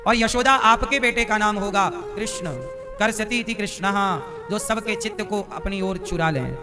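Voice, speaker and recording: High-voiced man preaching live. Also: unhurried, over music. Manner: teasing, quizzing listeners directly. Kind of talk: devotional discourse with audience questions. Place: live religious gathering.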